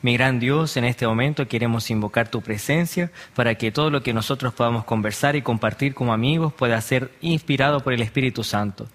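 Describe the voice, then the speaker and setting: A young man from Chile, in his twenties, speaks as a guest on a religious talk show. He talks earnestly and leads a prayer. His voice sits at a medium pitch. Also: brisk, few pauses, fairly bright tone. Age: 20s. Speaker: guest, youth missionary.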